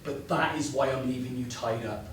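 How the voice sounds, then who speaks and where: A man's voice: mid-range voice, normal speed, background noise, lightly acted. A man playing a hardened British soldier. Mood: blunt. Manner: blunt, heated, clipped soldier talk. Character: stern hardened male British soldier guarding prisoner. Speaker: stage actor. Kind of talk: stage play acting. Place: theatre stage. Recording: echoey room from far off.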